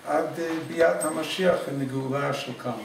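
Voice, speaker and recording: A man giving an informal Torah class, telling a story warmly and mixing in Hebrew and Yiddish words. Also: a little high, moderate pace, vocal fry, far from the mic, background noise. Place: room in Jerusalem. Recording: echoey room, speaker away from the mic.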